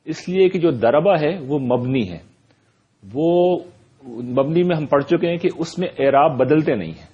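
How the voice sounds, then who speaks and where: A man teaching an Arabic grammar lesson, explaining step by step and reciting verb forms and verses slowly. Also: fairly high pitch, husky, dull audio. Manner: checks in with "right?". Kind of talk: classroom lecture.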